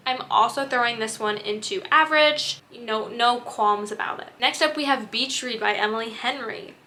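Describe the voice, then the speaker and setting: A woman's voice: fairly high pitch, moderate pace, bright, forceful tone, a little hiss or hum. A young woman chatting candidly about books she has read, with plenty of fillers. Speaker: book vlogger. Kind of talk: casual chat.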